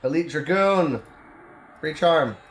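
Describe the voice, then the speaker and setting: A man's voice: on the high side, animated, takes it slowly, reverberant, a little hiss or hum. A man casually chatting while streaming a game, rambling and laughing often as he plays.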